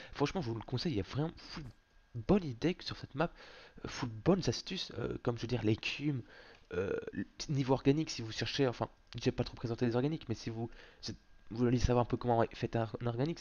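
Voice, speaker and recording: Excitable man doing gameplay commentary. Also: mid-range voice, fast, highs cut off. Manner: excitable, swears often. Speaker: gaming video host.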